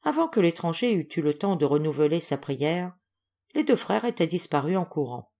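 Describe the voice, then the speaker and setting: A woman narrating a classic novel audiobook in a measured, clear storytelling manner. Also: low-pitched, very animated, mellow. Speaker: audiobook reader.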